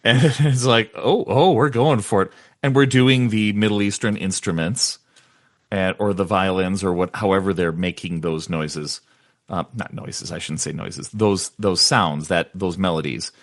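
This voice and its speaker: A man co-hosting a podcast in casual chat, animated and jokey. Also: deep voice, unhurried. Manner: animated, jokey, does comic impressions. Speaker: podcast co-host.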